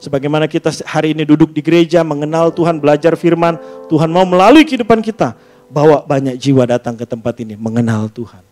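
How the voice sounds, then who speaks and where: A male pastor delivers a sermon in a church, his voice sitting a bit high as he calls out to the congregation for an amen. He mixes plain teaching with joking asides, and a soft musical instrument plays faintly behind him. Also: quick pace, faint music behind. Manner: lively preaching, often asking the congregation for an amen.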